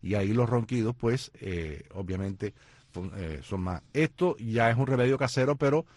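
A man's voice: on the low side, animated, normal speed, darkish tone, dry recording. A man, co-hosting a casual chat and explaining things with jokes. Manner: joking, explanatory. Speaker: co-host.

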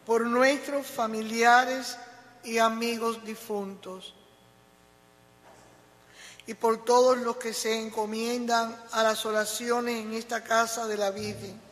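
Guy reading mass prayers in a flat high voice, slow, cathedral echo all around. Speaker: lector. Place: large church. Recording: long church reverb.

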